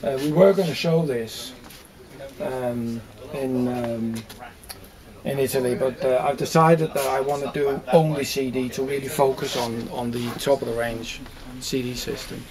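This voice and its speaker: Recorded on a camera mic with poor audio and crowd noise, an older audio company founder leads a tour through a big shelved warehouse indoors. He speaks unhurriedly in a steady, medium-pitched voice, rambling, restarting often, and gesturing with his hands.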